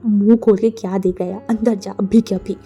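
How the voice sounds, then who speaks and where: A woman's voice: mid-range voice, steady tone, normal speed, warm tone, husky, soft background music. A woman voicing a stern, hot-tempered young man in a fan story, snapping and scolding. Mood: angry.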